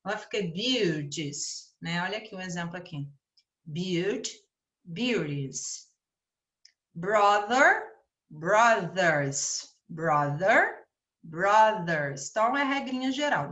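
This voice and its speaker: A woman with a Brazilian Portuguese accent teaching an online English grammar lesson, explaining slowly and checking in with "né?" after each point. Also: on the low side, animated, fairly bright tone. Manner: explains slowly, repeats words and asks "né?".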